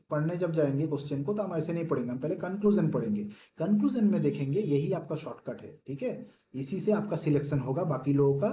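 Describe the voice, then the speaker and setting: Echoey, mellow-voiced male exam tutor. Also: on the high side. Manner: repetitive, emphatic, checks understanding with "theek hai". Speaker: exam coaching teacher. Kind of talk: classroom-style lecture.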